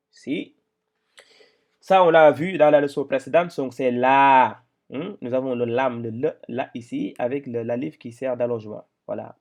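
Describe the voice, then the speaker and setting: Slow, patient male reading teacher. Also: medium pitch, creaky, a little mellow, dull audio. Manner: patient, repeats syllables aloud slowly with many hesitations. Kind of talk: slow step-by-step lesson.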